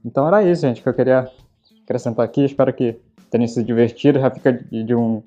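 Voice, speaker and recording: Talking fast in a warm, mid-range voice with fairly even intonation, a podcast host from Belém, Brazil, chats casually and tells stories with many fillers in a Belém Paraense Portuguese accent. The sound is lo-fi, with soft background music.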